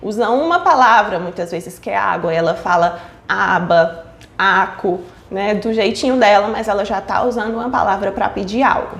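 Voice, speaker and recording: A woman with a mid-range voice talks a little fast, hardly pausing, in an echoey room. She's giving an online lesson explaining child speech development and checks in with her listeners often, leaning on fillers like "certo?" and "tá?".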